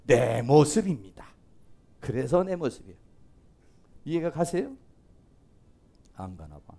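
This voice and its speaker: A man, a pastor, giving a lively seminary lecture in a colloquial style. He laughs often and acts out the voices he quotes. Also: mid-range voice, measured pace, gravelly. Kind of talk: lively classroom lecture on healing counseling.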